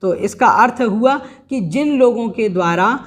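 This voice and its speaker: A man teaching an online religious lesson, explaining each word patiently and chanting Sanskrit verses slowly and carefully. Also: very high-pitched, lively intonation. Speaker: teacher of a scripture study course.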